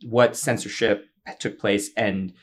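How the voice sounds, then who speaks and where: A man's voice: lowish voice, steady tone, takes it slowly, breathy edge. A man on a casual podcast, explaining eagerly with frequent fillers.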